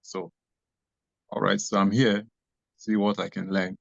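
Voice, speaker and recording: Low gravelly guy rambling through his intro, lots of uhs, dry dull call audio. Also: level tone, unhurried, dry recording. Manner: rambling, hesitant, many fillers. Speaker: webinar attendee. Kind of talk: casual self-introduction. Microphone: video call.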